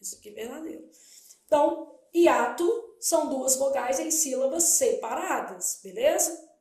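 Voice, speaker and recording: A Brazilian woman runs a Portuguese exam-prep lesson, explaining the material by posing questions and then answering them herself. Her voice is high, expressive and darkish in tone, and she takes her time. The room it was recorded in is echoey.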